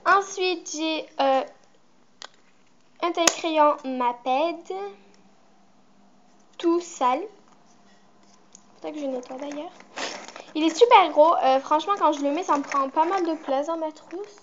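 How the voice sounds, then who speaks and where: Teen girl vlogger, high-pitched and rambling, muffled home recording. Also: slow pace, pauses often, a little hiss or hum. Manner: chatty, rambling, with many fillers. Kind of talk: casual show-and-tell vlog.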